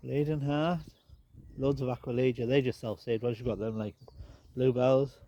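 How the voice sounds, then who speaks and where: A slightly congested man wanders his garden outdoors, chatting casually with wry, rambling asides in a walk-and-talk vlog. His mid-range voice is steady and dark, at a moderate pace. The audio is dull, and birds and animals are audible behind him.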